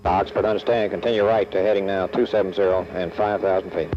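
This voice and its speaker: A man's voice: low-pitched, quick pace, soft background music. A man flying a jet, talking through an oxygen mask microphone over the radio in clipped, terse radio procedure. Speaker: military jet pilot. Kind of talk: radio calls to air traffic control. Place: jet cockpit in flight. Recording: muffled cockpit radio recording with steady noise.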